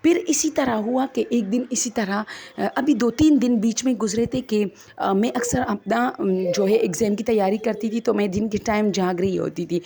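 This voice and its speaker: A woman's voice: mid-range voice, creaky, mellow. A woman, chattily retelling a first-person ghost story to her listeners as friends and acting out the quoted dialogue.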